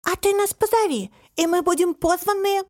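A woman voicing a gentle, kind young male friend in a children's story, talking in a soft, admiring way. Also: extremely high pitch, moderate pace, pitched above the performer's own voice. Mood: friendly.

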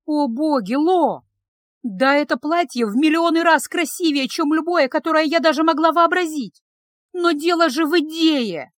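A woman voicing an emotional young healer girl, pleading with a high, tearful voice. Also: normal speed, no room sound, studio quality, natural voice.

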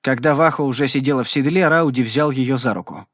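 A man narrating an audiobook in an even storytelling manner. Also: medium pitch, brisk, dry recording, studio quality. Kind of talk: scripted narration.

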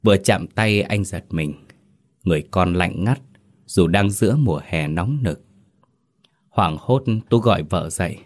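A man hosting and narrating a scripted horror story in a steady, measured way. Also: sits low. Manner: steady, measured storytelling with hesitant asides in the intro. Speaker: host and narrator.

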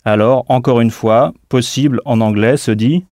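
A man teaching a scripted audio language lesson, speaking clearly and deliberately and spelling out words letter by letter. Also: medium pitch, a little mellow, no echo, clean studio sound.

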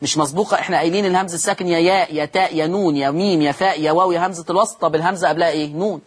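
A man's voice: on the high side, fairly even intonation, very fast, slightly rough. A man with an Egyptian accent teaching Quran recitation rules on television, explaining step by step and answering his own questions. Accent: Egyptian Arabic.

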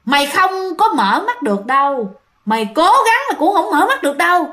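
A woman's voice: high voice, big pitch swings, brisk, a bit bright, reverberant, voice pushed up. A woman voicing a hostile young female ghost who orders a sleeper away and taunts her. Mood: hostile, taunting. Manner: rude, bossy, taunting.

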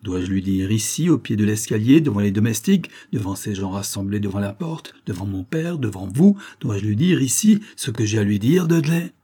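A man's voice: on the low side, moderate pace, mellow, breathy edge. A man voicing a frantic, grieving young woman who bitterly accuses and pleads. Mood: anguished.

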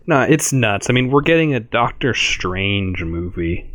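A man's voice: on the low side, a little slow, no room sound, muffled recording. A man hosting a podcast, chatting casually about movies and correcting himself as he goes. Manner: animated, self-correcting. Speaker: podcast host. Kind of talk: casual chat.

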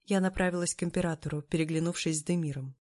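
An audiobook narrator reading a first-person story in a steady, even way. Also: medium pitch, fast talker.

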